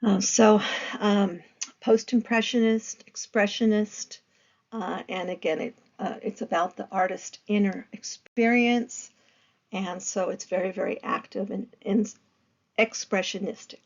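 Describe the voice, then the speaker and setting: A woman teaching an art history lecture in a conversational way, often pausing with ums and uhs and restarting her sentences. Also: mid-range voice, steady tone, creaky, darkish tone, muffled recording.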